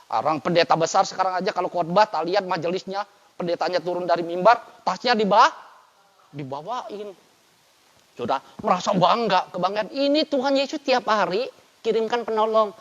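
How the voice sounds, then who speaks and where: An older man preaches in a high, animated voice, swinging between loud and soft. The recording is dull and lo-fi. His words ring with a long reverb, as in a church. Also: normal speed. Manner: lively preaching with dramatic swings in loudness. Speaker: pastor. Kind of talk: sermon.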